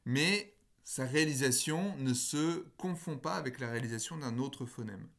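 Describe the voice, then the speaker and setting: A man giving a phonology lecture in a patient, explanatory way. He hesitates with fillers, corrects himself, and slows down to spell out example words. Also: mid-range voice, vocal fry, fairly bright tone. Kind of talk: recorded university lecture.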